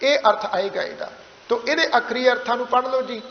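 A man with a Punjabi accent teaching scripture pronunciation, patiently repeating each phrase slowly and often asking whether his listeners understand. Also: very high-pitched, a little hiss or hum. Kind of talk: recorded pronunciation lesson. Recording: echoey room, dull lo-fi sound.

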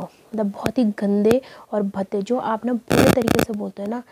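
A woman's voice: medium pitch, heavy background noise. A woman from Uttarakhand with a Pahari accent, giving a casual, earnest lecture to camera as a vlogger, repeating her points. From Uttarakhand, India.

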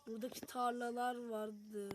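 Speaking at a moderate pace in a slightly high, level voice, a woman comments on a game while she plays it, addressing her viewers in a chatty way. There's music behind her, some slight background noise, and rough audio quality.

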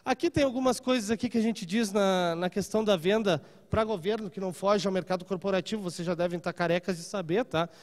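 A trade seminar speaker in his thirties talks fast with few pauses, his high-pitched voice echoing through a large conference room with long reverb. Holding a handheld microphone, he stays conversational, peppering the talk with "tá?" and "né?" check-ins.

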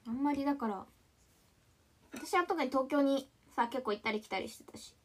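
A woman's voice: high-pitched, normal speed. A young woman in her twenties from Ishikawa, chatting casually on a livestream with a mostly standard accent that slips into Kansai touches, giggling and reading comments aloud. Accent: mostly standard Japanese with Kansai touches. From Ishikawa, Japan. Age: 20s.

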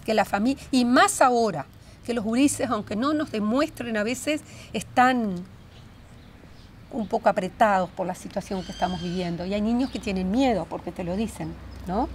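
A woman's voice: medium pitch, normal speed, slight background noise. A woman co-hosting a storytelling show, talking in an emphatic way and often finishing her partner's sentences. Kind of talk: casual studio chat.

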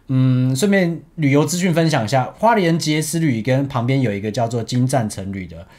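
A young man with a Taiwanese Mandarin accent, an esports team captain chatting casually over game footage and laughing often. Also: medium pitch.

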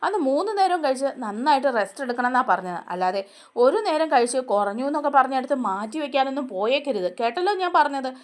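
A woman's voice: high voice, lively intonation, fast talker. A woman voicing a stern, protective husband who scolds his wife, in a casual retelling of a TV serial. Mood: insistent. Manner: insistent, scolding.

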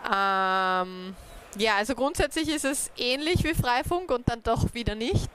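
With lively intonation and a fairly bright, fairly high voice, this young woman speaks a little slowly over slight background noise. She is a native speaker, first language German, giving an informal talk on community networks to a small group on stage in a dark event room, hesitating and using many fillers.

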